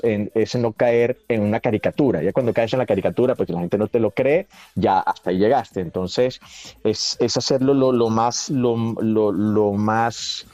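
A middle-aged Venezuelan actor with a softened, near-Colombian accent, telling stories in a casual interview, repeating himself often and restarting sentences. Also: male voice, medium pitch, no room sound, muffled recording. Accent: Venezuelan, neutralized toward Colombian. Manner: animated storytelling, many repeats and restarts, laughs often.

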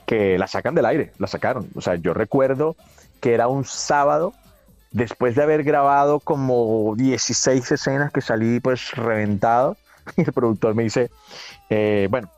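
A middle-aged man from Venezuela whose accent leans toward a neutral Colombian sound. His voice is dark and mellow, and he tells stories in an animated way, full of repeats and restarts. The recording is dry and a little dull, with soft music underneath. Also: mid-range voice, normal speed, no room sound. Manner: animated storytelling, many repeats and restarts, laughs often. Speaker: actor, interview guest. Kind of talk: casual interview talk.

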